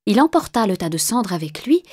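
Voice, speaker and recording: A woman narrating a fairy tale in a calm, measured voice that sometimes drops to a hushed whisper. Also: mid-range voice, slightly rough. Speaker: storyteller. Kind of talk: storybook narration. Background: faint music.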